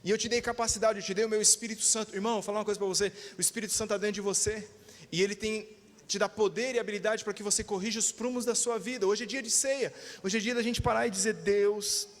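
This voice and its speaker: Man, Brazilian Portuguese accent, pastor, very high voice, emphatic sermon, long church reverb. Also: steady tone, fast talker. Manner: emphatic, calls for amens, acts out quoted voices.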